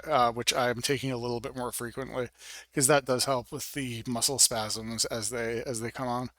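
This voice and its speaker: Man, mid-pitched, casual vlog update, rambling, hesitant phrasing, wry understatement, dry close sound. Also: fairly bright tone, no echo. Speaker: video blogger.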